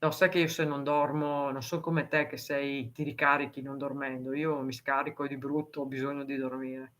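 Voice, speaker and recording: A woman's voice: very deep voice, little pitch movement, fairly bright tone. A woman from Italy chatting casually on a live stream, reading viewer comments, answering them and laughing often. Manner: deliberately slow, careful speech for foreign viewers.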